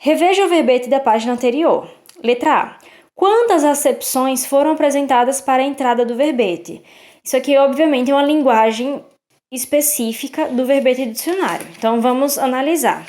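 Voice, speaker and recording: A woman teacher goes through textbook exercises step by step. Her voice sits a little high, and she often pauses to check in with her students. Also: a little mellow. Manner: patient, checks in with "tá?" and "certo?". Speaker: Portuguese teacher.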